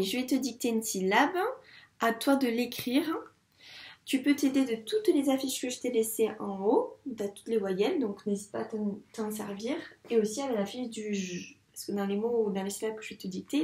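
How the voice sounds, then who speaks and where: A woman teaching first grade, running a dictation lesson for young children and saying syllables slowly and clearly. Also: a little high, a little mellow. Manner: slow, clearly articulated syllables. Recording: echoey room.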